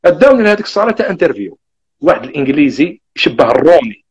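Young Algerian man, rapid animated storyteller, husky high voice. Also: muffled recording. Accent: Algerian Arabic. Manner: animated, rapid retelling with quoted back-and-forth. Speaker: vlogger telling his migration story. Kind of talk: casual storytelling.

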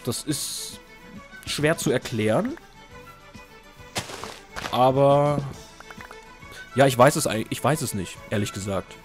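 This young let's play host speaks at a slow pace with long pauses, his voice medium in pitch, as soft music runs underneath. He plays and chats casually, answering viewers' questions and cracking self-deprecating jokes.

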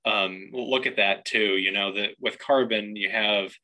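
Low, bright-toned man, measured panelist giving explanatory expert commentary. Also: steady tone, low-quality recording. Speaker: panelist physician.

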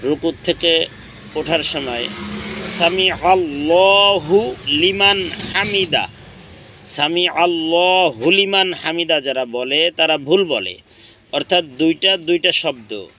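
A man teaching correct prayer recitation in a slow, deliberate way, drawing out the chanted Arabic phrases. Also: a little high, expressive, pushed and bright, slight background noise. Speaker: religious teacher. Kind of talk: instructional talk on prayer recitation.

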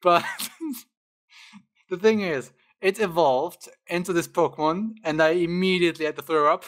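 A man's voice: fairly high pitch, measured pace, fairly bright tone. A man co-hosting a casual chat show, joking and laughing often. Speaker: podcast co-host. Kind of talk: casual banter among friends.

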